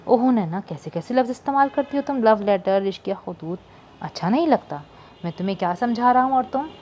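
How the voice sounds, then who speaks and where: A woman's voice: fairly high pitch, animated, brisk, darkish tone, slight background noise, pitched above the performer's own voice, close to an everyday voice. A woman voicing a wry teasing young shopkeeper. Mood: coaxing. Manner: wry, mock-offended banter.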